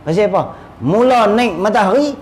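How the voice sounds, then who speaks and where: A male religious teacher speaks in a high, expressive voice that swoops up and down. He explains texts in a traditional lesson and acts out little dialogues. The room rings with echo over a faint hiss. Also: normal speed. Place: religious school hall. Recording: echoey room with faint noise.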